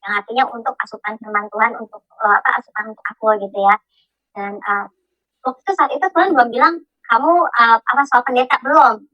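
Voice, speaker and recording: Bright-voiced woman giving emotional testimony. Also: a little high, no echo, soft background music, rough recording. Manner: emotional, halting, many fillers and restarts. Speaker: testimony speaker.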